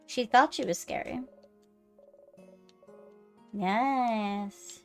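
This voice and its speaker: Woman, fairly high voice, casual game commentary, live streamer, faint music. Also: very slow, clear, resonant tone.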